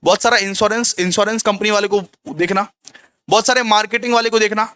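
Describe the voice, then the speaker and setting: A man's voice: sits high, steady tone, quick pace, sharp tone, smooth, no echo. A man teaching a commerce revision lecture. He repeats points and keeps asking the class questions that he then answers himself. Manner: repetitive, asks the class rhetorical questions and answers them himself. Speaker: commerce tutor.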